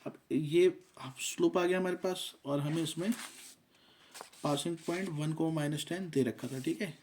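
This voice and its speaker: A man's voice: on the high side, normal speed, a little mellow, slight background noise. A man teaching a math lesson, working through steps methodically and mixing English terms into his explanation.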